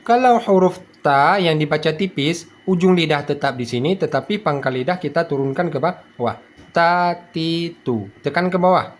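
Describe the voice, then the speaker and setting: A man teaching letter pronunciation slowly and patiently, drilling syllables one by one and checking that his students follow. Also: on the high side. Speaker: Quran recitation teacher. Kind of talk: slow step-by-step pronunciation lesson.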